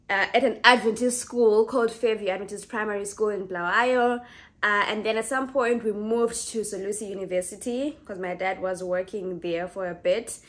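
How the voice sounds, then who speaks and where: Zimbabwean woman, 20s, easygoing vlogger, casual chat to camera, mid-pitched. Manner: chatty, warm, laughs easily, self-correcting.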